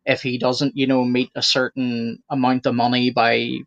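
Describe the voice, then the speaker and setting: A frank, opinionated man co-hosting a podcast, talking in a deliberate, steady way. His voice comes through dry and a little dull, like lo-fi audio from a remote call. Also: mid-range voice, no room sound. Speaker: podcast co-host. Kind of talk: casual discussion.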